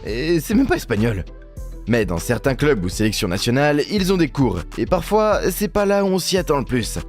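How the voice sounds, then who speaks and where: A man's voice: medium pitch, very animated, moderate pace, faint music behind. A man doing humorous scripted voice-over commentary, teasing and mock-indignant as he addresses viewers directly. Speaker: video host and narrator.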